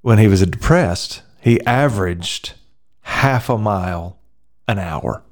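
A man with a fairly low voice talks through a Bible passage in an easygoing conversation. He is a pastor, thoughtful, and he speeds up and slows down as he works through his points. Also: animated. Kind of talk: casual conversation on scripture.

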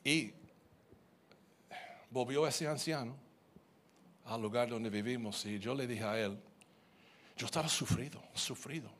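A man preaching, telling his own testimony as a story, animated and repeating words as he goes. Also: mid-range voice, measured pace, pauses often, a little hiss or hum.

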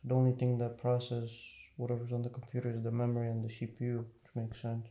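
A man's voice: mid-range voice, monotone, quick pace, muffled recording. A man chatting casually as a podcast co-host. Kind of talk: casual chat.

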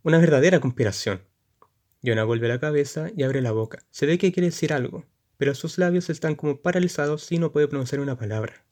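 A man narrating a short story in a measured, descriptive reading. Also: on the high side, darkish tone.

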